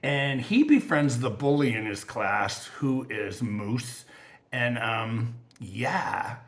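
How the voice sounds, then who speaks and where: A man chats casually with viewers of his crafting channel, rambling from topic to topic in a loose, friendly way with lots of fillers. His mid-range voice is expressive and slow, and it sounds scratchy from allergies.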